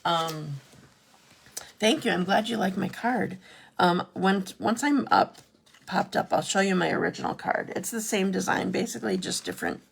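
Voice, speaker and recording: Lady doing a live card-making demo, super gravelly fry, chats with viewers and fixes her own words as she goes. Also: mid-range voice, moderate pace. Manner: chatty, self-correcting, answers viewer comments. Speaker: craft demonstrator hosting a live stream. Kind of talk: casual live craft demo.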